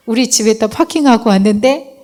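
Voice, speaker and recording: A woman missionary from Seoul giving a lively, humorous testimony in a church service, acting out the voices she quotes. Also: fairly high pitch, normal speed. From Seoul, South Korea.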